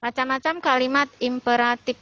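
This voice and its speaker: A woman's voice: sits high, fairly even intonation, brisk, pushed and bright, no echo. A woman teaching a language class over a video call, explaining step by step and repeating key points. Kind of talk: online class lesson. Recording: dull lo-fi video call audio.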